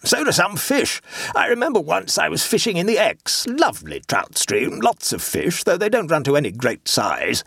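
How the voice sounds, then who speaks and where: A pushy, boastful clubman voiced by a man who can't stop talking about his own exploits. The voice sits noticeably higher than the reader's own, and it comes out loud, eager and a little breathy. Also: big pitch swings, normal speed, no echo, studio quality, full character voice. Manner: blustering, eager to talk about himself. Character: boastful, pushy male club bore.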